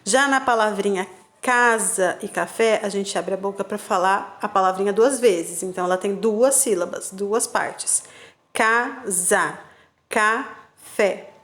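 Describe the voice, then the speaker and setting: Patient woman teacher explaining to kids. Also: medium pitch. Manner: patient, slow, spells out syllables for young children; checks in with "tá bom?" and "combinado?". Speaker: primary school teacher. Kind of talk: remote class instructions.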